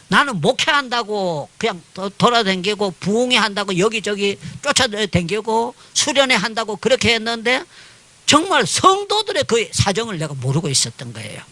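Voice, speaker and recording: A man's voice: sits high, no echo. An older man, a pastor and missionary, telling a testimony in a sermon on prayer and acting out the voices of people in his story. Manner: animated storytelling, crying out in prayer, acting out dialogue.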